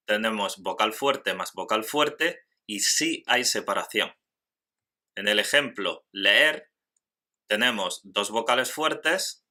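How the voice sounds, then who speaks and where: A man teaching a grammar lesson in scripted narration, slowly and carefully spelling out syllables. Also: on the low side, sharp tone.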